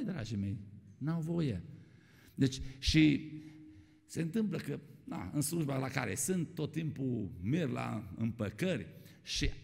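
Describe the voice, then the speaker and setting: A man's voice: medium pitch, creaky, a little mellow. A man preaching a sermon in a church hall, often calling his listeners "my dear ones" and putting questions to them. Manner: repeats "my dear ones", asks the congregation questions. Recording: long reverb of a church hall.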